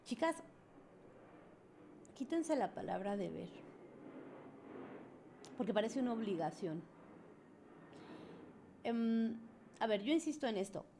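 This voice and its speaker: A woman speaking, her voice sitting a little high yet soft and warm at the edges. She talks a group through their questions like a spiritual coach, earnest and coaxing, with a loose conversational flow. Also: animated, slow pace, long pauses, a little hiss or hum. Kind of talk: live Q&A talk to a group.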